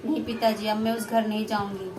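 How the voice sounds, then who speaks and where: A woman's voice: mid-range voice, flat delivery, a little fast, background noise, lightly acted. A young woman voicing a poor, meek young daughter-in-law in a puppet play, pleading and submissive. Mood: distressed.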